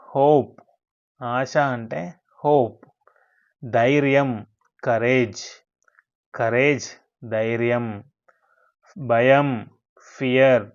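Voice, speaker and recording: A man teaching English words in a slow vocabulary lesson, repeating each word and its meaning. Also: mid-range voice, clean tone, dull audio.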